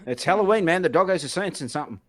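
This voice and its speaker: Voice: mid-range voice, expressive, very fast. A stream co-host chatting casually, easily flustered and laughing often. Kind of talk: casual chat.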